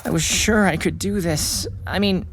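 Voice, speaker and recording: In an audio drama, a woman plays Nico, an earnest, anxious schoolkid protectively hiding a pet baby dragon, and she speaks hesitantly and sheepishly. Her lowish voice, close to an everyday one, goes at normal speed. The poor audio has a faint hiss or hum and a music bed underneath.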